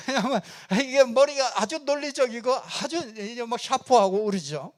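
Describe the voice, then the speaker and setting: High-voiced chatty male preacher. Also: a little slow. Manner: chatty and animated, many fillers, chuckles often. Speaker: pastor. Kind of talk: conversational sermon. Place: church pulpit.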